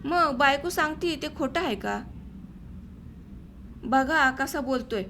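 A scornful village man taunts and sneers, voiced by a woman narrator. The voice stays high and light, read as part of a village story. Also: expressive, slow pace, pushed and bright, slight background noise, heavily acted. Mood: mocking. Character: mocking village man, scornful older brother.

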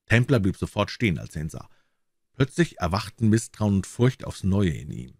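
A man reading a classic short story aloud as an audiobook narrator, in an expressive storytelling manner. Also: sits low, moderate pace, no echo. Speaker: audiobook reader.

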